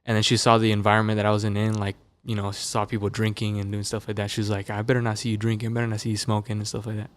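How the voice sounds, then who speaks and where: A young man from Las Vegas chats casually as a podcast guest, rambling through his stories with plenty of fillers. His voice sits low and smooth, with a fairly flat, even delivery. The dry, close studio mic adds no room sound. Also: racing, hardly any pauses, no room sound. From Las Vegas, USA. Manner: relaxed, loose, filler-heavy storytelling. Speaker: musician guest. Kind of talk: casual interview chat. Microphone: dynamic studio mic.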